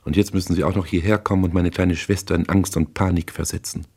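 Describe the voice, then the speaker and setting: A man reading a book aloud, voicing a cool, sharp-tongued wealthy young woman with a cold, clipped manner. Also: low voice, steady tone, fast talker, husky.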